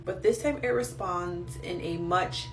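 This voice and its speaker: A woman's voice: fairly low pitch, unhurried, fairly bright tone. A woman host telling spooky stories for social media, conversational with dramatic emphasis. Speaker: storyteller host reading follower-sent stories. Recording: roomy echo, distant mic, faint noise.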